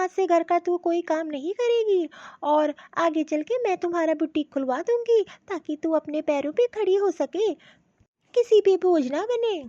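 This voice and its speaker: A woman's voice: very high-pitched, highs cut off. A woman doing a fussing motherly aunt. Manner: warm, coaxing, fussing over the girl. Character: kind motherly middle-aged neighbour aunt. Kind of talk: cartoon voice acting.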